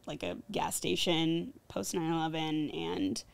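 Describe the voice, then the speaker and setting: A woman hosting a podcast, chatting casually and tossing in quick jokes. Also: deep voice, sing-song, creaky. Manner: joking, quick asides. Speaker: podcast host.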